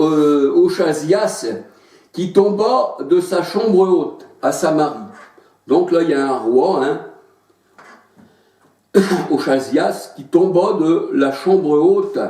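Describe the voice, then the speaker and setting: A man preaching a sermon, halting as he searches for Bible verses and dropping in frequent hallelujahs. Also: fairly high pitch, mellow. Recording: echoey room, voice far from mic.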